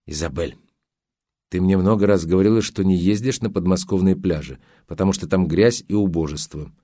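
A strict older housekeeper, once a nanny, pressing with reproachful questions, as a male reader voices her. The voice stays low and dry, barely changed from the reader's own. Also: a little fast, warm tone, no room sound. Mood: stern. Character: older woman, former nanny, stern and caring.

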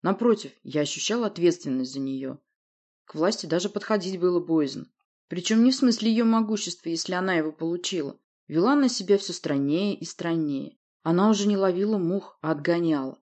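A woman narrating a fantasy audiobook in the first person with expressive storytelling. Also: lowish voice, brisk.

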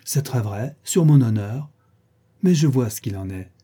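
Brief: a man doing a flighty, effusive young lady in a storybook, raised pitch, dark husky tone. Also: animated, a little slow. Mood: gushing. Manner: effusive, exaggerated, gossipy. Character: gushing, flattering young woman friend. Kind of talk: audiobook reading.

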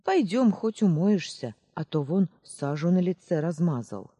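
A reader voicing a kindly, grumbling old village woman with a hoarse voice in an audiobook. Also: mid-range voice, expressive, measured pace, mellow, no room sound. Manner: good-natured grumbling, scolding. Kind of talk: audiobook character voice.

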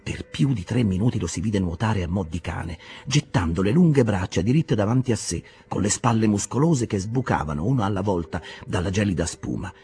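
A man narrating a classic novel as an audiobook in an expressive reading that swells in the action passages. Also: lowish voice, brisk, hardly any pauses, slightly rough.

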